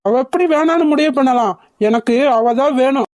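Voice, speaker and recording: A woman's voice: sits high, fairly quick, a little mellow, no room sound, natural voice. A woman voicing an arrogant young male village rogue in a cartoon, bullying and threatening, recorded dry and close. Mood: taunting. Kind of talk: cartoon voice acting.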